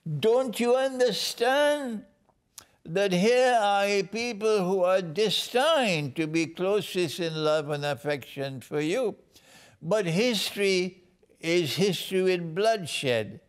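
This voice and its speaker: Slow, emphatic man from Trinidad. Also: high voice, animated, clean tone. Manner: emphatic, preacher-like repetition. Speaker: guest speaker. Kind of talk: slow, deliberate interview answers.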